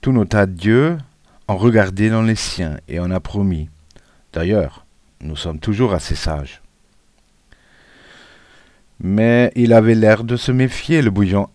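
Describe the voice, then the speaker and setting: Lively low-voiced male storyteller. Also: slow, long pauses, no room sound, studio quality. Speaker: narrator. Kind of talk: storybook reading.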